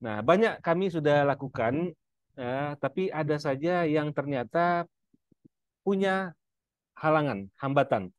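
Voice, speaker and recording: A man from Indonesia speaks in a fairly high voice, casually pitching a training course to a live audience. He talks to his listeners directly and keeps filling gaps with "nah" and hesitations. The recording is dry and close, with no room echo. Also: lively intonation, unhurried, pauses often, smooth. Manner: addresses listeners directly, many fillers and "nah". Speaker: presenter promoting inheritance-law training. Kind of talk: casual promotional talk to an audience.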